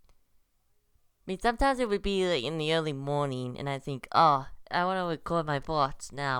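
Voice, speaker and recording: A woman's voice: sits low, fairly bright tone, clean tone, no room sound, studio quality. A young woman vlogging at home, rambling casually and hesitantly with many restarts. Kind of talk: casual vlog monologue. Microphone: computer recording.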